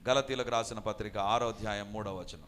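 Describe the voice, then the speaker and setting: A man's voice: fairly low pitch, a little fast, a bit bright. A man preaching a sermon, telling stories, acting out the people in them and repeating his key lines.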